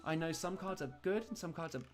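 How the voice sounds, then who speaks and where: A man's voice: on the high side, fast, faint music behind. A young man, a streamer reading a dating game aloud and chatting about it in a playful, self-mocking way. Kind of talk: let's-play commentary, reading game dialogue aloud.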